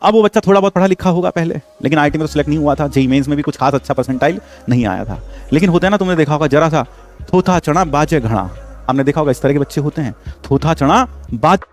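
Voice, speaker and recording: A man's voice: a little high, expressive, rapid-fire, soft background music. A man, a teacher, telling his students a story in an earnest, moralizing way.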